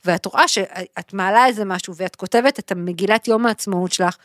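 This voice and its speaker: A woman's voice: mid-range voice, no room sound, clean studio sound. A woman in her thirties co-hosting a casual podcast, teasing and encouraging her partner. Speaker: podcast co-host. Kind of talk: casual chat.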